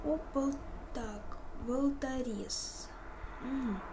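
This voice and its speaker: Speaking extremely slowly in a high-pitched voice, a woman hosts a horror gaming video with casual commentary, muttering as she reasons aloud. The audio is clearly noisy, layered with game ambience.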